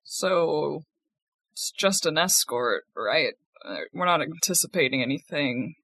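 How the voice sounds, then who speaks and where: A woman's voice: sits low, lively intonation, a little slow, fairly bright tone, dry recording. A woman playing a tabletop game, casually asking questions in and out of character.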